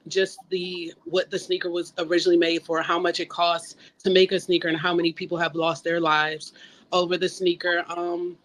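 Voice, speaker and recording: A woman's voice: fairly low pitch, fairly bright tone, rough recording. A woman guest on a panel talk show, chatty and joking as she plugs her projects. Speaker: documentary maker and game show host, panel guest.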